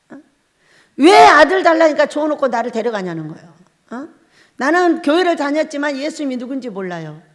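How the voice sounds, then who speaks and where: A middle-aged woman pastor telling her own testimony in a sermon. She tells it as a story, laughs often, and acts out her own crying and shouting. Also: high voice. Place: church hall. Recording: long hall reverb.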